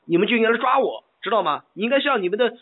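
Over a tinny phone connection, a caller complains in a high, expressive, rapid-fire male voice. He argues angrily, stammers, and keeps hammering the same points over and over.

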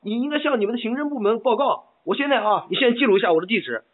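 This very high-pitched man speaks very fast and animatedly in a heated phone argument, his complaint coming through a tinny line. Angry and stammering, he repeats himself insistently.

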